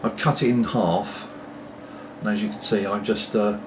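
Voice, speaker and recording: A middle-aged British man with a lowish, steady voice talks at an ordinary pace while puffing on a pipe at home. He's a pipe-smoking video blogger rambling casually to camera, dropping in apologetic asides. The mic sits far away and the background is clearly noisy.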